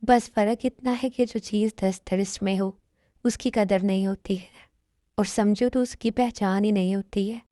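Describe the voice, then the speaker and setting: A woman's voice: medium pitch, steady tone, normal speed, dark tone, no echo, studio quality, natural voice. A woman voicing a caring young male college student in an amateur dubbed love story, talking in an earnest, soothing way.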